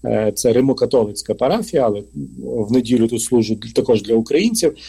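Ukrainian-born male priest, mellow husky voice, halting interview talk full of fillers. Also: mid-range voice. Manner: hesitant, frequent filler sounds and restarts. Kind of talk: conversational interview answer.

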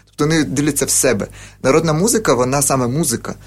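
A man's voice: on the high side, racing, husky. A man, a folk music researcher, explaining things in a radio interview with many fillers and restarts.

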